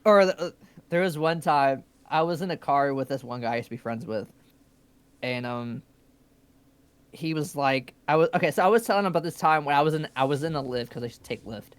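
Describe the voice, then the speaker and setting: A young man co-hosting a live stream tells stories in casual chat, animated and swearing freely. His voice is on the high side, a little fast and smooth. The recording is dry.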